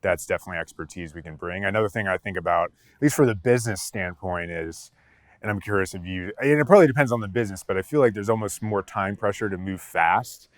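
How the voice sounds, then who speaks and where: Deep-voiced man hosting a podcast. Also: fast, no room sound, clean studio sound. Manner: relaxed, agreeable, loosely structured phrasing. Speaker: podcast host. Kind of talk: casual podcast conversation.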